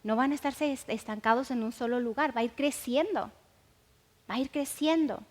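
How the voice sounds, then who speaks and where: A woman teaching a sermon, repeating key phrases slowly and with emphasis, with frequent restarts. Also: high voice. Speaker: Bible teacher. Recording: long hall reverb.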